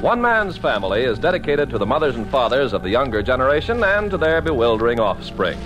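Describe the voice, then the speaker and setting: A man's voice: medium pitch, big pitch swings, fast, lightly acted, poor audio. A man announcing a 1940s radio drama in a formal, declamatory old radio announcer's style. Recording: 1940s radio broadcast over loud music.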